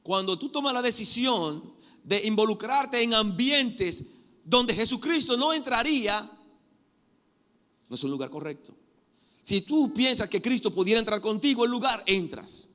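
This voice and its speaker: Emphatic preacher in echoing church. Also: male voice, high voice, lively intonation, a little slow. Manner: emphatic, repeats phrases, swings from loud exhortation to quiet prayer. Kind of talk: sermon. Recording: long reverb of a church hall.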